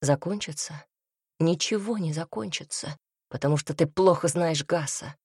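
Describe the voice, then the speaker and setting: A woman's voice: fairly low pitch, normal speed, a little mellow, dry recording, clean studio sound. A woman reading the part of a fiery, defiant young man in a storybook, speaking with vehemence and bitterness. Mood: fierce defiance. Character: young man, hot-tempered, defiant, devoted lover.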